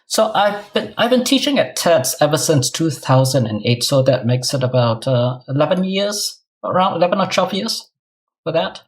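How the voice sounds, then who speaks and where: A middle-aged Singaporean-accented man, a New Testament professor appearing as a guest, answers interview questions conversationally. His voice sits a little high and swings widely in pitch, at a normal speed.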